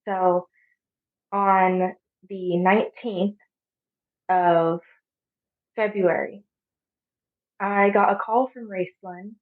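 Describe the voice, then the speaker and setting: A young woman in her twenties from Arizona, telling a personal story softly, with halting pauses. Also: mid-range voice, fairly even intonation. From Arizona, USA. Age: 20s. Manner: soft, halting, with frequent pauses. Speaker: podcast guest. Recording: phone-like narrow sound.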